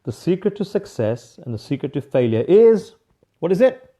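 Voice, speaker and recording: A man giving an energetic live motivational coaching talk, emphatic, repeating key phrases and calling viewers by name. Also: fairly high pitch, moderate pace.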